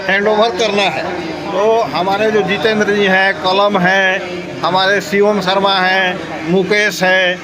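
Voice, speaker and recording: A man's voice: high-pitched, fairly even intonation, takes it slowly, low-quality recording. A middle-aged man explaining earnestly that the younger singers should take over. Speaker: senior local singer and organizer. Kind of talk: explaining plans in conversation.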